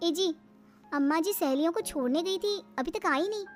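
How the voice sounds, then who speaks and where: A sweet, timid young bride in a cartoon, voiced by a woman. She pleads softly in a voice lifted well above the narrator's own. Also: very high-pitched, moderate pace, soft background music, voice pushed up. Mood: worried. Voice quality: soft, pleading. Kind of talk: cartoon voice acting.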